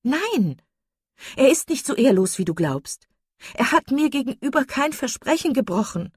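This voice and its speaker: A woman's voice: sits high, big pitch swings, moderate pace, slightly rough, no room sound, clean studio sound, voice pushed up, exaggerated voice. A woman reading an audiobook and voicing a distraught young woman, pleading and desperate. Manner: desperate, pleading, sobbing outbursts.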